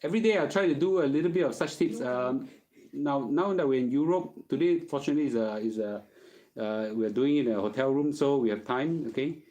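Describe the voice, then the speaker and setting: A man's voice: medium pitch, fairly quick, dark tone. A middle-aged man with a Singaporean accent chats casually as a host answering questions, using colloquial Singlish phrasing and often checking in with "okay?". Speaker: host giving personal finance advice.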